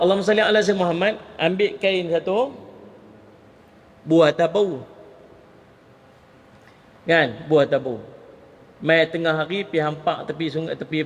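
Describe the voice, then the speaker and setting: A Malaysian man with a northern Malay accent giving a lively mosque lecture, often addressing his audience directly. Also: on the high side, normal speed. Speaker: Islamic preacher. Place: mosque hall. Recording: long reverb of a mosque hall.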